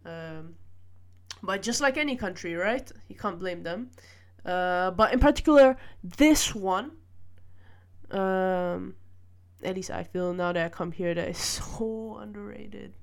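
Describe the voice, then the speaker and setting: A woman's voice: mid-range voice, slow pace, gravelly. Hesitant young woman from Malaysia. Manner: reflective, hesitant, many fillers, light laughs. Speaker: student vlogger. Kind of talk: casual personal vlog.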